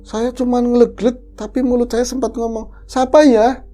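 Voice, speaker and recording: A woman host retelling a listener's ghost story in the first person, lively and animated, acting out the quoted voices. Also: a little high, moderate pace, soft background music. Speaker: horror story podcast host.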